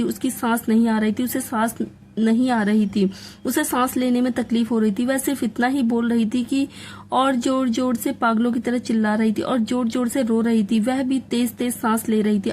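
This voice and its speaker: A woman reads a serialized romance aloud as an audiobook narrator, dramatic and expressive throughout. Her voice sits fairly high for a woman, and a faint hiss runs under the recording. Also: normal speed. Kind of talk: scripted story narration.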